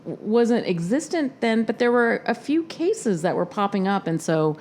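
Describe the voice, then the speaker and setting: A woman's voice: medium pitch, very animated, a little slow, darkish tone, a little hiss or hum. A woman hosting a casual podcast chat, talking loosely with lots of fillers and laughter. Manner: chatty, laughing, heavy on fillers. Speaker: podcast host.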